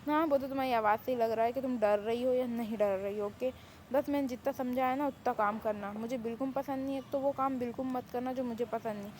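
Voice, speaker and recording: A woman voicing a possessive male vampire king who teases and threatens in a low, soft voice. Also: fairly even intonation, quick pace, a little hiss or hum, natural voice. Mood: menacing. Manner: teasing, calls her baby, low threats. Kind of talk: Hindi fan-fiction audio story.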